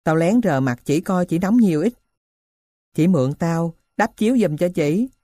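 A woman's voice: fairly low pitch, lively intonation, normal speed, warm tone, dry recording, clean studio sound. A woman voicing a poor runaway boy grieving his dead sister, in an earnest, confiding way. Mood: sorrowful.

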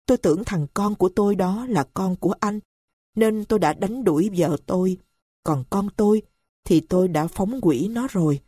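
A woman's voice: mid-range voice, normal speed, mellow, breathy edge, no echo, studio quality, close to an everyday voice. A woman voicing a rash young husband full of grief and remorse, pleading and tearful. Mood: remorseful.

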